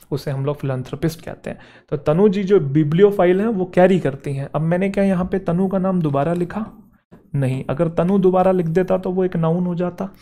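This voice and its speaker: A man teaches a grammar class. His voice sits a little high but sounds warm and mellow. He keeps stopping to ask the students quick questions.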